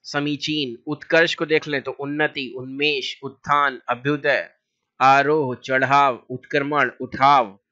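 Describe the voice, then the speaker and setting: A man teaching as a language teacher, reciting lists of synonyms in a steady, drilling way with short asides. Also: mid-range voice, measured pace, lo-fi sound. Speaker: Hindi teacher.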